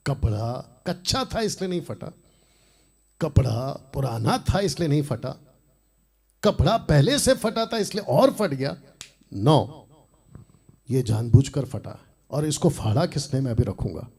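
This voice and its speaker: A man's voice: medium pitch, lively intonation, a little slow, creaky, pauses often, a little mellow, breathy edge. A man preaching a sermon as host of a nightly program, reading scripture and speaking directly to his critics. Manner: combative, addresses critics directly; reads and explains scripture.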